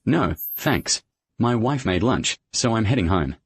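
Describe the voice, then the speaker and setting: A man's voice: fairly low pitch, expressive, unhurried, husky, dry recording, exaggerated voice. A man dubbing a reserved, devoted husband in a period drama, with an understated, earnest manner. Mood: calm. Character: reserved, devoted husband, a ledger-keeping manager. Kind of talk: English dub of a period drama.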